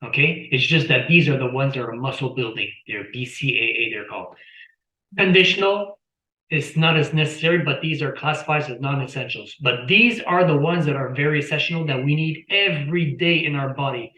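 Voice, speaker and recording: Man, bright voice, rambling guest, repeats himself, roomy lo-fi call audio. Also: mid-range voice, fairly quick. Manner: rambling, repeats words, tells anecdotes. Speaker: interview guest. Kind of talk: casual explanatory talk.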